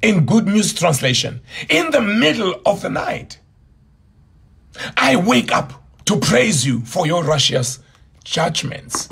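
A man preaching a late-night prayer sermon online, fervent and exhorting, rising into shouts as he urges viewers to pray aloud. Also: high-pitched, very animated, slow pace, gravelly, slightly rough. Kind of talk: livestreamed midnight prayer sermon.

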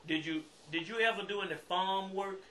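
Male interviewer, casual questioning, bright voice, roomy sound with faint noise. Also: sits high, brisk. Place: living room, indoors. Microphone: camera in the room. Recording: echoey room, faint noise.

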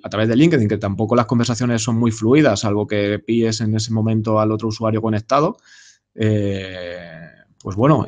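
Man, casual presenter, lots of ums and restarts, explains his platform to an audience. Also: medium pitch. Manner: hesitant, many fillers and restarts. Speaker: speaker presenting his startup. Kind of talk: informal presentation talk.

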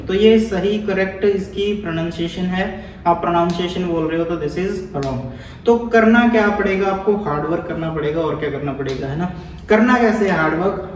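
A man's voice: high voice, darkish tone, far from the mic. A man coaching students for a speaking test, direct and familiar, repeating key words for emphasis. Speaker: IELTS speaking teacher. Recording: echoey room, voice from away from the mic.

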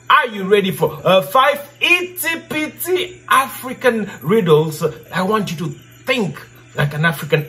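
A male storyteller with a high, bright voice that swings widely in pitch. He poses riddles theatrically, repeating each question and stretching key words for emphasis. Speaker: storyteller and channel host. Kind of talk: interactive storytelling, posing riddles to children. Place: indoor room with brick wall backdrop.

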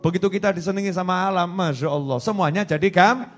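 A middle-aged man, preaching a sermon, animated, going from soft asides to loud emphatic repetition. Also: high voice, quick pace.

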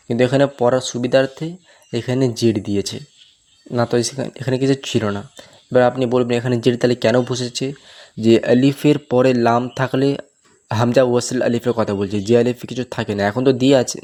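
Man, Bengali accent, recitation teacher, patient explainer, drawn-out slow demonstrations, mid-pitched voice. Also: a little mellow. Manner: explains patiently, then recites words very slowly to show correct pronunciation. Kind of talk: tajweed lesson with slow demonstrations.

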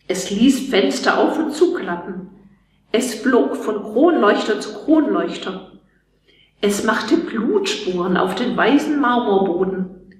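A woman reading a children's bedtime story aloud in a gentle storybook manner, with a roomy echo on the recording. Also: mid-range voice, far from the mic. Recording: echoey room.

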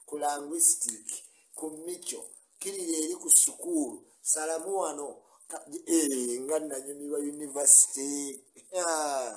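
A man's voice: on the high side, darkish tone, rough recording. An older man from Uganda chatting on a live stream in a small room, greeting viewers by name and laughing often, recorded on a webcam in front of him. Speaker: vlogger. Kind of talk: casual live-stream chat. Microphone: webcam or phone in front.

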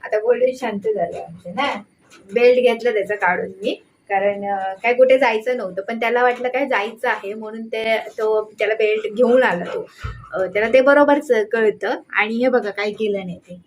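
A woman's voice: moderate pace, slight background noise. A woman with a Marathi accent chatting casually to camera at home about her dog and cat, now and then scolding and coaxing them. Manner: chatty, scolds and coaxes pets in a higher playful voice. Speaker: pet vlogger. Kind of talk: casual vlog narration to camera. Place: home indoors.

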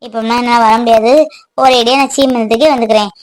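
A woman's voice: a little high, fairly even intonation, fairly quick, natural voice. Casting: woman doing a tired, dismissive pregnant young woman, cartoon. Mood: weary. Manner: dismissive, weary complaining.

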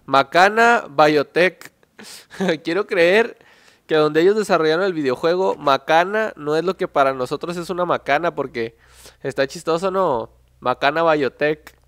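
A man's voice: on the high side, moderate pace, no echo. Joking Mexican man playing a video game. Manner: joking, slangy, reads game text aloud. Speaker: gaming youtuber. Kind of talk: casual gameplay commentary.

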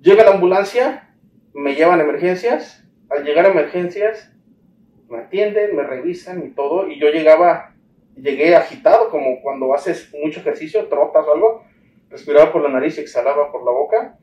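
A man with a Mexican accent tells his own story in an interview, acting out the voices of the people he dealt with. His voice sits a little high for a man. He sounds set back from the mic in a roomy, echoey space with faint ambience behind him. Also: moderate pace, distant mic, muffled recording, slight background noise. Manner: animated storytelling, acts out the dialogue he recalls. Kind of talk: personal account in an interview.

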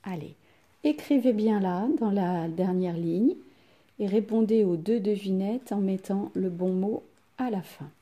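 Teacher, female, recorded home lesson for children: slow, mellow, slightly husky delivery, sounds drawn out. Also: medium pitch. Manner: slow, clearly articulated, stretches out sounds. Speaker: primary school teacher. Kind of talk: recorded reading lesson for young pupils.

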